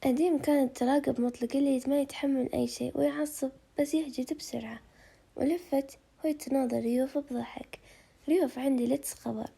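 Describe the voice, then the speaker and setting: A woman narrating a novel in lively storytelling. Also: high-pitched, a little fast, creaky. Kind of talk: novel reading.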